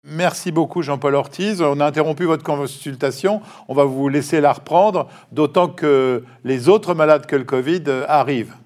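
A man who hosts an interview podcast and asks direct, brisk questions. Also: on the high side, darkish tone. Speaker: host.

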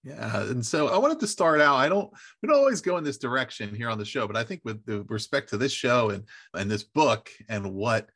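Husky-voiced male podcast host. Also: mid-range voice, big pitch swings, a little fast, hardly any pauses, fairly bright tone. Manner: long, winding questions with restarts. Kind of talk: interview podcast.

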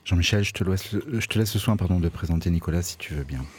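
A male host welcoming a guest, talking quickly and correcting himself. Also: sits low, a little mellow, slightly rough.

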